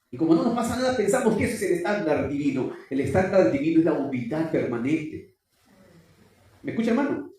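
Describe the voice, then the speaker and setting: A man's voice: on the high side, a little mellow. A man preaching a sermon, often questioning and exhorting the congregation. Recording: very echoey hall, distant mic.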